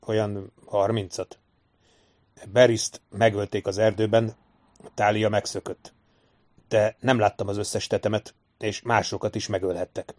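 A man's voice: on the low side, little pitch movement, a little mellow, natural voice. A man voicing a young male warrior who answers in a cold, curt way. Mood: subdued.

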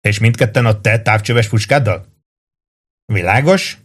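A man reading aloud and voicing a glum young soldier who answers quietly and sadly. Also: lowish voice, husky.

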